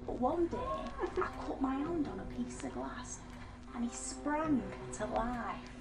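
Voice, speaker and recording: An actress playing a sly, sinister older care-home worker, chatty and sweetly menacing. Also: female voice, high voice, expressive, unhurried, recorded from a distance, heavy background noise. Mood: gleefully chatty. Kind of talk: horror game acting.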